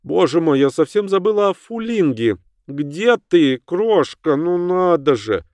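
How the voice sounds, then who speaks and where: A man reading an audiobook, voicing a fussy, gushing middle-aged society lady with a shrill, theatrical manner. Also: sing-song, measured pace, darkish tone, dry recording. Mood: cooing. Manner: shrill, theatrical, baby-talks her dog.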